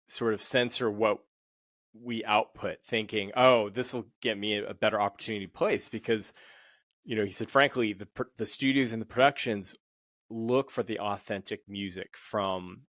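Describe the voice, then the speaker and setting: Man, middle-aged, low voice, dry sound, rambling host full of fillers. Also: moderate pace, fairly bright tone, dry recording. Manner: rambling, many fillers and restarts. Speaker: podcast host and sync agent. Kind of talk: casual panel interview.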